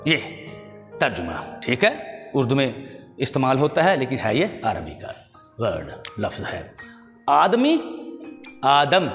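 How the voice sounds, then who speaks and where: Lively male teacher correcting word pronunciation. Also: mid-range voice, long reverb tail. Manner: patiently corrects words and spells out vowel marks; addresses viewers fondly as children. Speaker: language teacher. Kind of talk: pronunciation lesson.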